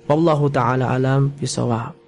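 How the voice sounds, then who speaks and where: A man's voice: medium pitch, steady tone, normal speed, gravelly, a little mellow. A man teaching Quran recitation informally on the radio, with humble, tentative phrasing.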